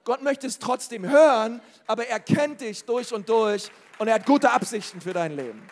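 A man preaching to a congregation in a casual, direct way, often asking the crowd if they follow, swinging between loud calls and quiet asides. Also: very high voice, normal speed, in a large hall. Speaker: pastor. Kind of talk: lively sermon to a congregation. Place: hall with a live congregation.

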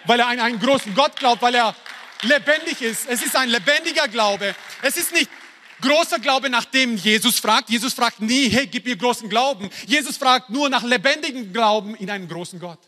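A man preaching a sermon in a lively, emphatic way, turning to the congregation with asides. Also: extremely high pitch, normal speed, in a large hall. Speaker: pastor.

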